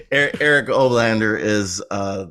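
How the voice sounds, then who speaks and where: A man's voice: on the low side, sharp tone. A man talking as a guest in a podcast interview, rambling and conversational with a self-deprecating streak. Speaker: guest, film producer.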